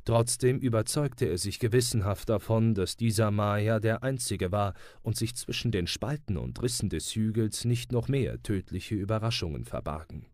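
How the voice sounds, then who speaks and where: A man narrating an adventure audiobook with steady, dramatic storytelling. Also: on the low side, moderate pace, few pauses, dry recording, clean studio sound. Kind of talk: audiobook reading.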